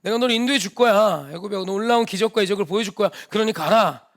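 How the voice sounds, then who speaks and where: A man's voice: sits high, quick pace, close to an everyday voice. A man voicing God as a fatherly figure who speaks plainly and informally, coaxing and urging. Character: God, a fatherly male voice, patient then stern.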